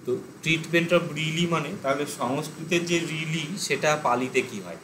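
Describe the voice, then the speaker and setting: A man's voice: fairly high pitch, normal speed, noisy background. A man teaching an online language class, explaining step by step, thinking aloud with fillers. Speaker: Pali teacher.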